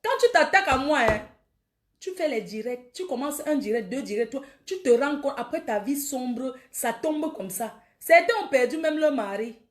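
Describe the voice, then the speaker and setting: Woman, high voice, defiant, taunting, scolding, livestream rant. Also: lively intonation, moderate pace. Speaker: social media livestreamer. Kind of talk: ranting Facebook live video.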